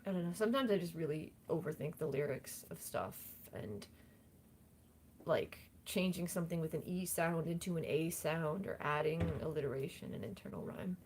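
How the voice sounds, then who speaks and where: A woman's voice: deep voice, lively intonation, moderate pace, darkish tone, slight background noise. A young woman chatting casually on a livestream in a rambling, self-deprecating way. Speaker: livestream host, singer-songwriter.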